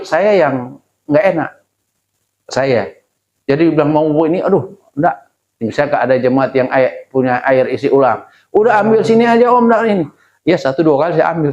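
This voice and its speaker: Animated man preaching in echoey hall. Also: a little high. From Indonesia. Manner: lively storytelling with exclamations, acting out dialogue. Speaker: pastor. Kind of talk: sermon. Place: church hall. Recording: echoey church room.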